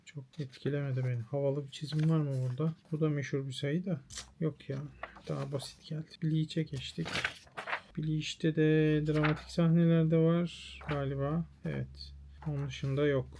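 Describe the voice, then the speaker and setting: A man's voice: a little high, flat delivery, normal speed, vocal fry, background noise. A man, a manga artist, thinks aloud while browsing pages, musing in short, clipped verdicts.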